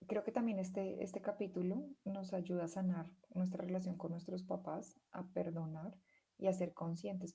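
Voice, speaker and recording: A woman joining a women's Bible study discussion, speaking in a calm, measured, thoughtful way. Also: fairly low pitch, gravelly, slightly rough. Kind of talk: reflective group discussion.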